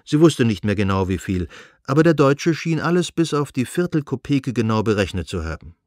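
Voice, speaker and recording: A man narrating a classic novel as an audiobook in a measured, even reading style. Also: medium pitch, no echo, studio quality. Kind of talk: scripted narration.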